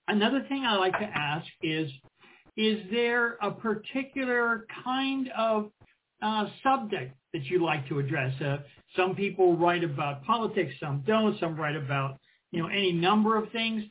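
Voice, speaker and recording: A high-pitched middle-aged man, speaking at a measured pace, co-hosts a casual interview and keeps his questions friendly despite frequent ums and restarts. The phone-line audio is tinny, with slight background noise.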